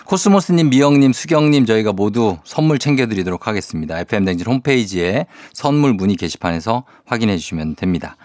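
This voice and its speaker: A male radio DJ on a morning show, reading listener messages and answering them with quick chatty asides. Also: on the low side, lively intonation, a little mellow, no room sound, studio quality. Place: radio studio. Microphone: studio microphone.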